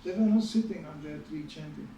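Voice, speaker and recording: High-voiced man telling a sermon story. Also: fast talker, dull audio, noisy background. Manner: conversational, many asides to the audience. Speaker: spiritual teacher giving a scripture class. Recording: echoey hall, mic at a distance.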